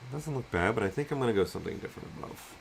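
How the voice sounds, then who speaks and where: A man's voice: medium pitch, expressive, rapid-fire, vocal fry, slight background noise. A man streaming his 3D sculpting work, muttering half-finished thoughts aloud as he works and answers chat.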